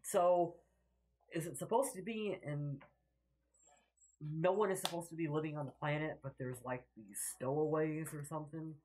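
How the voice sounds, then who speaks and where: A man co-hosting a casual movie podcast, giving a measured, critical take and thinking aloud. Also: fairly high pitch, a little mellow, slight background noise, low-quality recording. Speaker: podcast co-host. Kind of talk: casual movie review chat.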